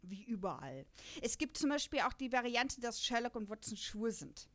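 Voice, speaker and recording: Very animated and pitched on the high side, the podcast host speaks at a moderate pace. This young adult woman chats casually about an audio drama, explaining at length with many fillers and laughing between points.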